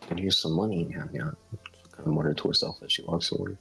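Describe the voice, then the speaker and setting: A man's voice: deep voice, sing-song, fast, vocal fry, sharp tone. A man improvising dialogue in a tabletop role-playing game, awkward and hesitant, often repeating himself. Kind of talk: casual improvised role-play. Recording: music playing behind the voice.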